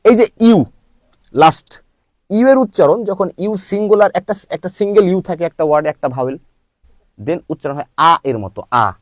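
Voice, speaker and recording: A man teaching English pronunciation, spelling out letters slowly before saying each word. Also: sits high, lively intonation, no room sound, clean studio sound. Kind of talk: slow spelled-out phonics lesson.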